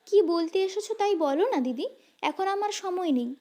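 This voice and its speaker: A woman voicing a spirited young wife who answers back quickly and stubbornly. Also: extremely high pitch, animated, mellow, voice pushed up. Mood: pert. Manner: quick, pert replies.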